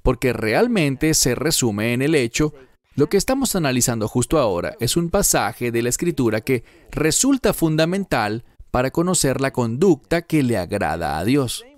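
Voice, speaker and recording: Speaking in a natural, mid-range voice that is very animated, a man dubs an earnest Bible teacher in his fifties. His verse-by-verse sermon is delivered with emphatic, deliberate phrasing.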